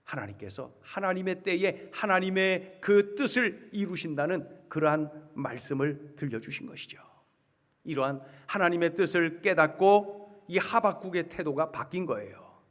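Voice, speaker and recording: A man preaching a sermon as pastor, emphatic and full of rhetorical questions, swinging between hushed and loud delivery. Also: on the high side, moderate pace. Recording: long church reverb.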